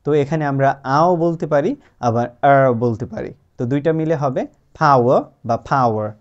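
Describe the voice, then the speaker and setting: A man teaching a spoken lesson, explaining step by step and patiently repeating example words slowly and clearly. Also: a little high, darkish tone. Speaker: English teacher. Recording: dull lo-fi sound.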